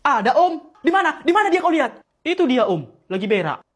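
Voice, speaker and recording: A woman performing a comic sketch, switching between exaggerated, shouty village characters. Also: sits high, sing-song, fairly quick. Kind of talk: comic sketch with many voices.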